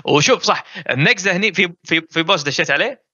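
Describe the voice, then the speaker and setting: Bright-voiced fast-talking Gulf Arabic man. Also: high voice, animated, no room sound, dull audio. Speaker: guest gamer. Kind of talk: casual chat.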